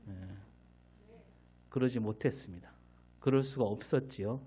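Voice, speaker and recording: A man's voice: mid-range voice, measured pace, warm tone, breathy edge. A middle-aged man preaching a sermon as pastor, asking the congregation questions and answering them himself.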